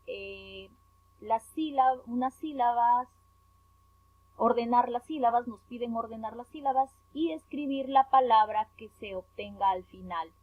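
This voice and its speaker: A woman's voice: fairly high pitch, dry recording. A woman from Peru teaching a primary school lesson, going carefully through a worksheet and stressing each syllable as she spells words out. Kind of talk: remote class lesson explaining worksheet. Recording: tinny phone-like audio, dry.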